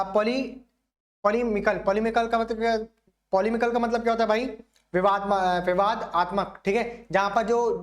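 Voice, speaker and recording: A young man teaching exam vocabulary, explaining each word with everyday examples and asking the class often if it is clear. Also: high-pitched. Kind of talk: vocabulary lesson.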